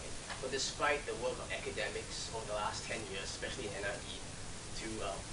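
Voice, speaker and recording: A man with a Singaporean accent giving an academic lecture in a halting way, restarting phrases and often checking in with the audience. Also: fairly low pitch, heavy background noise. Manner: halting, with repeated starts and frequent check-in "right?".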